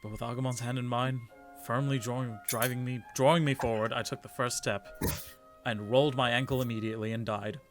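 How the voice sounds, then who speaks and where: A man's voice: medium pitch, fairly even intonation, fairly quick. A young man hosting a game stream with casual, joking, theatrical commentary. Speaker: streamer, host. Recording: game music playing behind.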